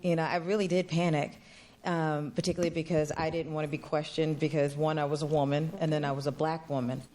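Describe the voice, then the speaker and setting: Low-voiced woman, team leader, measured and candid on a panel. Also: flat delivery, a little mellow, slight background noise. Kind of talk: panel discussion.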